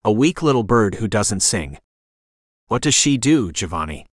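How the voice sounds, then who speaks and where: A man's voice: fairly low pitch, big pitch swings, moderate pace, no room sound, studio quality. A man reading the lines of a scheming female witch, taunting and bold, in an audiobook. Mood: mocking.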